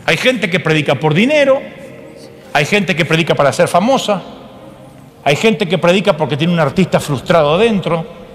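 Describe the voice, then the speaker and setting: Man preaching an animated sermon. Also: sits high, long reverb tail. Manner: animated, acts out voices with humor.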